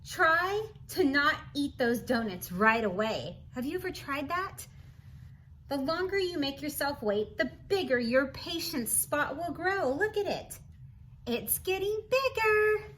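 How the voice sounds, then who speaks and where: Reading a children's storybook aloud at an unhurried pace, this woman has a bright, high voice. Her manner is expressive and teacherly, and she often breaks from the text with encouraging asides and questions. Light noise is audible behind her.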